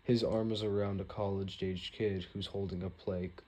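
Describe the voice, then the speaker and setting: Young male amateur audiobook reader, low pitch, plain delivery with the odd stumble. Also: level tone, moderate pace, dark tone. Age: young adult. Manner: plain reading, with occasional stumbles and restarts.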